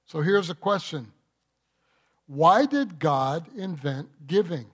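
Male pastor, slightly high voice, unhurried delivery, emphatic sermon with rhetorical questions. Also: animated, husky. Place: church.

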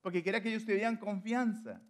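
Emphatic preacher man with a higher voice. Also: fast talker. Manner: emphatic, repeats phrases for stress; swings between soft, low lines and loud, high ones. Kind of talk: sermon.

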